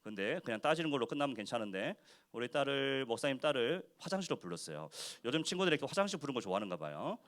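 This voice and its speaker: A man giving a children's sermon as pastor in church, animated and constantly asking the kids questions. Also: medium pitch, racing. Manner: acts out quoted speech in short voices. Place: church worship service for children.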